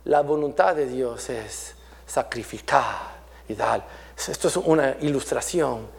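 A man preaching a sermon, earnest and repeating words as he restarts, his delivery moving between raised and hushed passages. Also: mid-range voice, takes it slowly, creaky.

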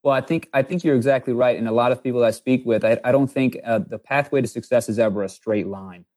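A man's voice: mid-range voice, fast, darkish tone, no echo. A man hosting an interview, eager and stammering, repeating his words as he talks. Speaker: podcast host. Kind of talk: casual interview talk.

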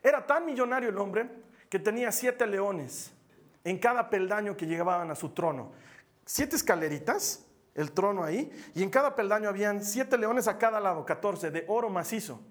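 A man's voice: sits high, expressive, normal speed. A man preaching a sermon to a congregation. He is emphatic, repeats key phrases and asks rhetorical questions.

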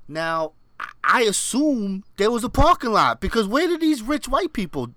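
A man's voice: sits high, very animated, normal speed, sharp tone. A man from Queens with a New York Queens accent, co-hosting a podcast and telling stories in casual chat. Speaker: podcast co-host. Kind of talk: casual chat, animated storytelling.

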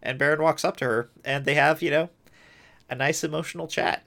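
A man's voice: a little high, steady tone, fairly quick, vocal fry, fairly bright tone. A man co-hosting a casual chat, giving wry, sarcastic summaries of a TV episode with many filler words. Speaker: podcast co-host.

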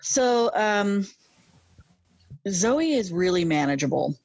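A woman's voice: medium pitch, sing-song, slow, a little mellow, dry recording, lo-fi sound. A young woman with a lateral lisp, chatting casually in an interview, rambling with many fillers. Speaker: interview guest.

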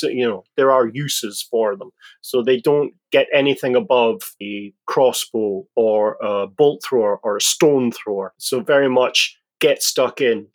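A man on a podcast casually explaining fantasy game lore, rambling and correcting himself as he goes. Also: mid-range voice. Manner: rambling, self-correcting, laid-back.

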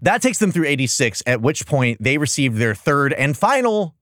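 An American man talks casually like a podcast host, joking with sarcastic disbelief. His voice is fairly high and very animated, swinging up and down. The sound is close and dry. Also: moderate pace, no echo. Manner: sarcastic, incredulous, profane joking. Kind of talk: casual comedic chat about old cartoons.

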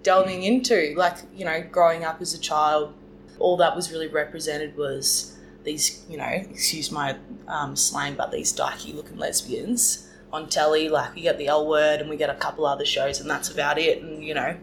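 A woman's voice: low voice, steady tone, normal speed, a little hiss or hum, low-quality recording. A 24-year-old woman, a podcast guest, telling her story candidly with a chatty flow full of "like, you know.".

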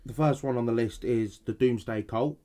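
Recovering from being sick, this male podcast co-host sounds slightly nasal as he works through definitions from notes, hesitating and starting over now and then. He speaks at a normal speed in a mellow, mid-range voice.

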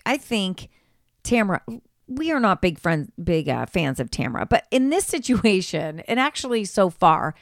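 Animated, swearing woman chatting on mic. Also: fairly low pitch, moderate pace, no echo, studio quality. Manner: animated, swears freely, mimics people she discusses. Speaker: podcast co-host. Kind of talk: casual chat.

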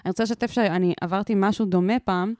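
A woman's voice: mid-range voice, fairly even intonation, dark tone, no room sound, clean studio sound. A woman co-hosting a casual podcast with an Israeli accent, saying foreign words in an American accent. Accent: Israeli, with foreign words pronounced in an American accent. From grew up in an American household. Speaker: podcast co-host. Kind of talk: casual conversational podcast chat.

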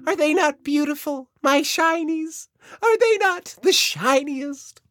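A woman voicing a grandiose little male mouse who hoards shiny things, in a theatrical, excitable children's story voice. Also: high voice, slow, dry recording, clean studio sound. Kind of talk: children's audio story acting.

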